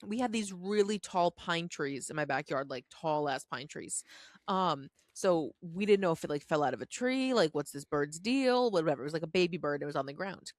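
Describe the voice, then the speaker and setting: A young woman co-hosting a podcast, animated and incredulous in casual chat. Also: low-pitched, normal speed, dry recording, studio quality. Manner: animated, incredulous, laughing asides. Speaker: podcast co-host.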